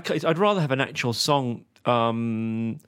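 A man's voice: mid-range voice, expressive, unhurried, fairly bright tone, clear, resonant tone. A man talking as a podcast guest, hesitant and self-mocking. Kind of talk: interview chat.

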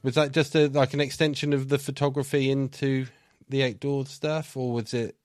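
In a clean studio recording with no room sound and faint music behind him, a man hosts a casual podcast interview. His darkish, mid-range voice stays fairly flat at a moderate pace as he chats, asks questions, appeals to listeners, and cracks self-deprecating jokes.

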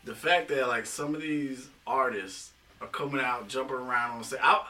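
A man's voice: medium pitch, normal speed, bright, forceful tone, distant mic, soft background music. A man in casual podcast chat who teases himself for sounding like an old man while pressing his opinions emphatically. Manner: self-mocking, emphatic about his opinions. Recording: a bit off-mic with faint room noise.

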